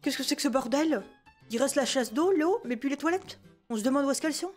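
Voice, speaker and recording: A woman's voice: high voice, lively intonation, brisk, a little mellow, soft background music. A woman playing an exasperated mother who scolds her unruly little son in a comic game role-play, full of tag questions and mild swearing. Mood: exasperated, scolding. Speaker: gaming video creator.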